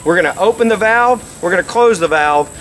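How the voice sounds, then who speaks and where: A middle-aged man with a notably high voice presents a practical how-to lesson. He explains each step and restates key points for emphasis, speaking outdoors. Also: animated, a little fast, a bit bright, faint music behind, rough recording. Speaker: instructor, game call company presenter. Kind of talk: instructional how-to demonstration. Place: outdoors by a lake.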